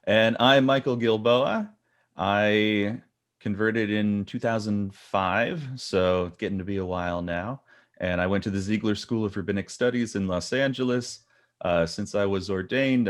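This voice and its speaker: A man with a somewhat low voice hosts a podcast in an earnest, casual way. He often stops and restarts his sentences as he works out what to say. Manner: earnest, halting with repeated restarts. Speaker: podcast host.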